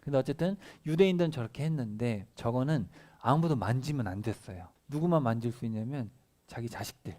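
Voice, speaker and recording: A middle-aged man preaches to a congregation of families, speaking at an everyday pitch. He reads passages of scripture aloud, then stops to explain them in plain language. He keeps turning to the children with simple questions. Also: lively intonation, a little fast, warm tone. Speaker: pastor.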